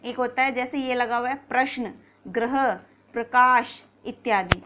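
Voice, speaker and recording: A woman's voice: fairly high pitch, unhurried, sharp tone, dull audio. A woman teaching a grammar lesson, patiently explaining, asking and answering her own questions, and repeating key points.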